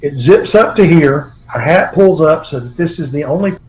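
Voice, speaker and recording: Brief: male author guest, rambling storyteller, slightly high voice, dull lo-fi video-call sound. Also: expressive, moderate pace, darkish tone. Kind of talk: remote interview.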